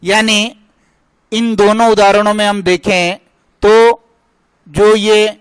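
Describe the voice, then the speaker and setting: A man teaching a grammar lesson in a slow, deliberate voice that sounds crisp and resonant. His pitch sits high for a man. He asks a question and answers it himself to drill each point, recorded dry and close. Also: fairly even intonation, fairly bright tone, no room sound, poor audio.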